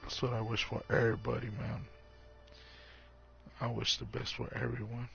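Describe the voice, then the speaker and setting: Gravelly, drunk man rambling casually. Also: medium pitch, completely flat delivery, moderate pace. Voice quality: gravelly, fry-laden voice. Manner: drunk, loose rambling talk; heavy swearing and street slang. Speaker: streamer. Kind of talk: rambling, reflective casual monologue. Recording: dull lo-fi mic, music behind. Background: music.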